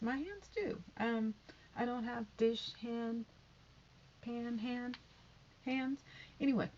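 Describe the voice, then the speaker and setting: A woman in her fifties rambles chattily in a casual YouTube vlog, adding sighs and whispered asides. Her voice is fairly high, and the recording sounds muffled.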